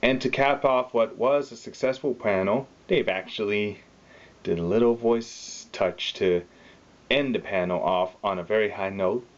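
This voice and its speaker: A man narrating his vlog in a relaxed, chatty way. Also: fairly low pitch, unhurried, muffled recording. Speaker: vlogger.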